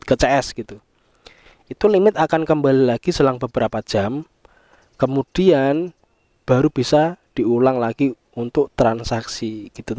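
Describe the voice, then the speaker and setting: A man's voice: medium pitch, a little mellow, dry recording. A man casually explaining things to his viewers in a vlog, talking them through it as friends and trailing off with easy filler words. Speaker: vlogger explaining app credit errors.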